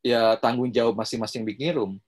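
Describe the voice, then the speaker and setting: Measured male podcast guest. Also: mid-range voice, steady tone, darkish tone. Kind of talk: casual podcast chat.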